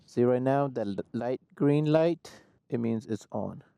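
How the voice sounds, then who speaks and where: A man's voice: mid-range voice, measured pace, vocal fry, mellow, clear, resonant tone, dry recording. A man vlogging about his motorcycle gear, talking through a helmet mic with noise cancellation on. He explains each step in a chatty way. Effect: noise cancellation on, with processed noise-reduction artifacts. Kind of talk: casual gear-test explanation to viewers. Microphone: wireless mic inside a motorcycle helmet.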